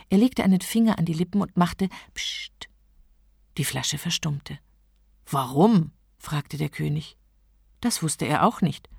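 A woman reading a story aloud, narrating evenly and measured. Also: deep voice, creaky, husky, dry recording, studio quality.

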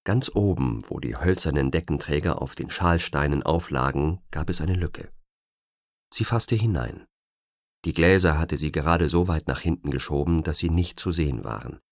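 A man reading an audiobook thriller with expressive, suspenseful narration. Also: very deep voice, normal speed, no echo, clean studio sound. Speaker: audiobook reader.

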